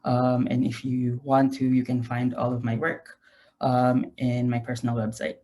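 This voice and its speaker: A man's voice: mid-range voice, monotone, moderate pace, warm tone, a little hiss or hum. Young Filipino man speaking casual Taglish. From Philippines. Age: young adult. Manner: mixes Tagalog and English (Taglish). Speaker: guest lecturer, graduate researcher. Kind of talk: informal online lecture. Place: home room, indoors. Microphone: video call.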